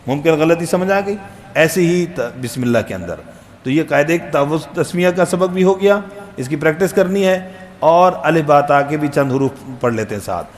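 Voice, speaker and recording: A man teaching a Quran recitation lesson, quizzing the students and calling out letter sounds loud and long. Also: a little high, animated. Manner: drills letters aloud, loud and drawn out; asks students questions, jokes. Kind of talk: classroom tajweed lesson.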